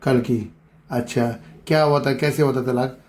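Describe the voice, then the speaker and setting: A man's voice: mid-range voice, fairly even intonation, moderate pace. Probing male interviewer repeating answers. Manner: probing, repeats answers back, urges louder speech; calls people beta. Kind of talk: on-the-spot questioning interview.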